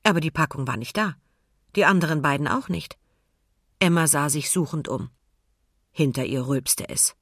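A woman reading a children's audiobook aloud, calm and expressive. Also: low-pitched, moderate pace, long pauses, dry recording, clean studio sound. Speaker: narrator.

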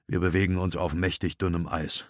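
A man's voice: sits low, level tone, brisk, no room sound, clean studio sound, lightly acted. A man reading an audiobook, voicing a worn-down, worried middle-aged father who sounds heavy and defensive. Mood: strained weary.

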